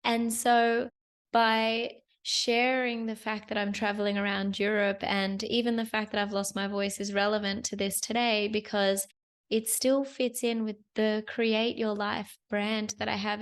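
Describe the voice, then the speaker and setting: A young woman hosts a chatty solo business talk straight to the camera, her voice fairly high with vocal fry. She's lost her voice and sounds hoarse, repeating phrases and saying "you guys" a lot.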